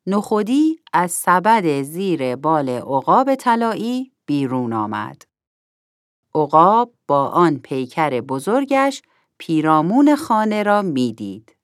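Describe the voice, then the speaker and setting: A woman reads a children's story aloud, her voice sitting on the lower side and moving through a lively, animated melody. The sound is dry and close to the mic. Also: no room sound.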